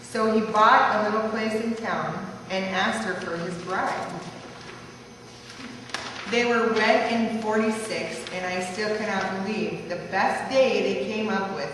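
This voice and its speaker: An unhurried woman with a medium-pitched voice recites a rhyming life story in sing-song fashion, a verse tribute from a family member. The party is in a large, reverberant room, heard from afar amid background noise.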